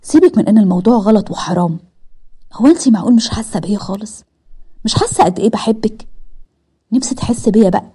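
Woman doing a lovesick egyptian guy, pleading, husky, fast. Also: medium pitch, lively intonation, mellow. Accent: Egyptian Arabic. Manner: pleading, indignant. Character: lovesick honest young man.

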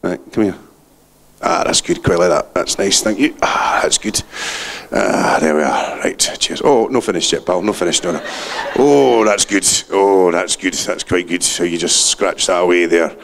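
A man's voice: deep voice, moderate pace, a bit bright, slight background noise, voice pushed down. A man with a Scottish accent voicing his pet dog as a pushy, laid-back animal that demands scratches. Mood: contented, insistent.

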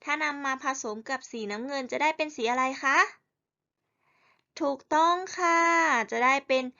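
High-pitched female teacher, slightly gravelly, lo-fi sound; reads to small kids with lots of call-and-response. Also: pushed and bright. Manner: slow, drawn-out call-and-response to children. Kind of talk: teaching young children.

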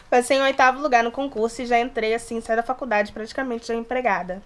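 Speaking a little high and a little fast, a woman in her late twenties chats playfully to camera in a small bedroom, the camera right in front of her. This YouTuber hails from Resende in inland Rio de Janeiro state, mixes Rio, São Paulo and Minas in her Brazilian accent, and uses animated hand gestures.

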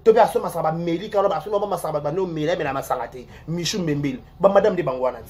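Animated Congolese-accented gossip host. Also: medium pitch, rapid-fire. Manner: rambling, repeats words, swings between loud outbursts and muttering. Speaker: online show host.

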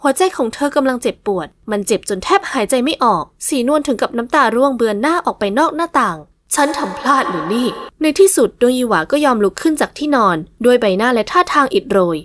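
A woman narrating a romance novel in a scripted, expressive reading. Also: a little high, fast, hardly any pauses, no echo. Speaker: audiobook narrator.

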